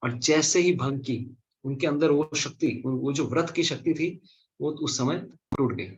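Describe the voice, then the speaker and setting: A man giving an animated storytelling lecture at a scripture class, asking and answering his own questions. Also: a little high, a little slow. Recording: slightly dull lo-fi recording.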